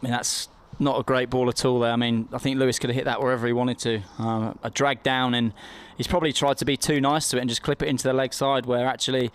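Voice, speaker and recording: A man's voice: mid-range voice, flat delivery, fast, few pauses, clear, resonant tone. A man working as a cricket summariser and former player, conversational and opinionated, repeating phrases for emphasis. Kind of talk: live cricket commentary, analysis.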